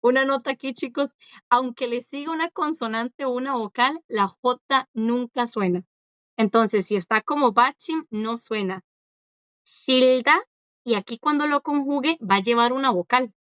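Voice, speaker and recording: A woman's voice: on the high side, moderate pace, fairly bright tone, smooth, no room sound. A woman teaching a class, patiently explaining and repeating, often checking that the students follow along. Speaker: language teacher. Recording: dry, dull lo-fi sound.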